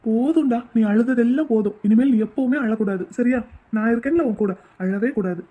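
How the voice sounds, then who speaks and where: A woman voicing a gentle, devoted young man who coaxes and comforts his wife in an amateur audio drama. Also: on the high side, brisk, breathy edge. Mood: soothing. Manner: soothing, coaxing.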